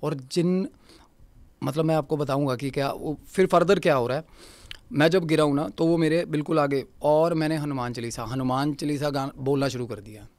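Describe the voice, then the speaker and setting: A man's voice: a little high, fairly even intonation, normal speed, a little mellow, dry recording. A man guest on a podcast, telling a ghost encounter vividly, repeating phrases for emphasis and mixing in English words. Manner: mixes English words into his speech. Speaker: guest paranormal researcher.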